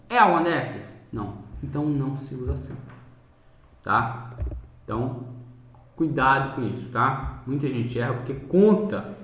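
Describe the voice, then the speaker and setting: A man's voice: medium pitch, a bit bright, reverberant. A man teaching in a recorded video lesson, working through exercises step by step and often checking in with his viewers. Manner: explanatory, repeats "tá?" and "gente" to check in.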